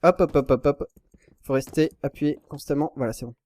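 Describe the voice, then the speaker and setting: A man's voice: a little high, steady tone, a little fast, a little mellow. A young man casually commenting on his video game as he plays, rambling and self-correcting, with sudden panicked yelps. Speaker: Minecraft YouTuber.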